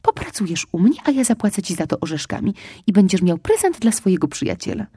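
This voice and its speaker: A woman voicing a brisk, clever female squirrel who gives firm, helpful advice. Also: medium pitch, big pitch swings, warm tone, slightly rough, dry recording.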